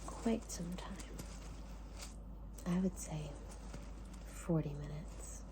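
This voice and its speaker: A woman hosting ASMR in a soft, hushed whisper, speaking in short unhurried phrases with pauses between them. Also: low-pitched, noisy background. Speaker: ASMR host.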